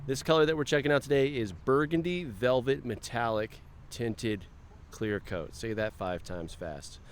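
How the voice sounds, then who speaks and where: Unhurried and mid-range in pitch, this man's voice carries a slight hiss or hum. He does a casual, chatty dealership walkaround of a car, tossing off remarks to himself as he goes from the outside of the vehicle into the cabin.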